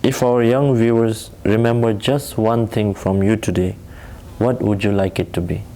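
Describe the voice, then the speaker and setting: A man asks formal, prepared questions in a polite, measured way. His voice is low and mellow, with a faint hiss of noise under it. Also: steady tone. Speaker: interviewer.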